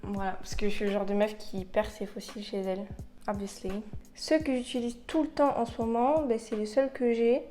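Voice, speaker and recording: A woman's voice: on the high side, steady tone, moderate pace, dark tone, faint music behind. A young woman chatting casually through a makeup tutorial, slipping into English phrases and bursting into playful outbursts. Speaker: beauty vlogger.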